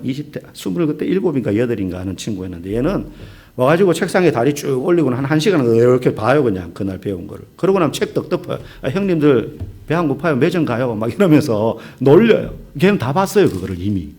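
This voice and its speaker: A male pastor in his forties preaching a sermon in a church, telling stories with humor and swinging from loud to hushed. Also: mid-range voice. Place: church sanctuary.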